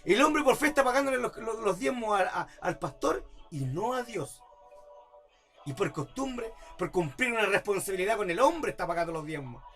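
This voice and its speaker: A man's voice: high voice, lively intonation, normal speed, fairly bright tone, soft background music. A man preaching a sermon as pastor, repeating rhetorical questions and building to emphatic outbursts. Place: church service.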